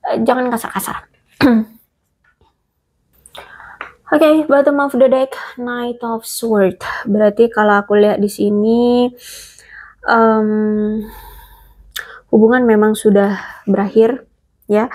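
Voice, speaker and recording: A woman talks through a tarot reading in a loose, chatty way. She hedges and restarts often, and her voice has a husky, breathy edge at a middle pitch. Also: a little mellow. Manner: chatty, hesitant, many fillers and restarts. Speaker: tarot reader. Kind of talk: casual tarot reading monologue.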